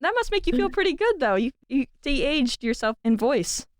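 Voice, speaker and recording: A woman's voice: high-pitched, sing-song, moderate pace, no room sound, clean studio sound. A woman hosting a film podcast, introducing and interviewing a guest with enthusiasm. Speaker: podcast host.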